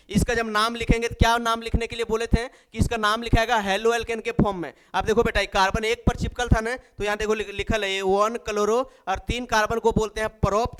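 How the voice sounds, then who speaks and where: A man's voice: high-pitched, a bit bright, smooth. A male chemistry teacher with a Bihari accent gives a playful lesson. He jokes, repeats key phrases and fondly addresses his students.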